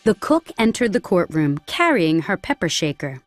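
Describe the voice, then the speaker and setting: A woman reading a children's storybook aloud in a clear, measured narration. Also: on the low side, very animated, faint music behind.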